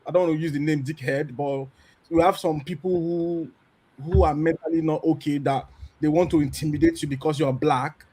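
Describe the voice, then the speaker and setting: Sharing a frank testimony on a church panel, this Nigerian man in his thirties tells his story with lots of energy, playing out little conversations along the way. His voice runs somewhat high for a man yet has a darkish tone, and the recording is rough.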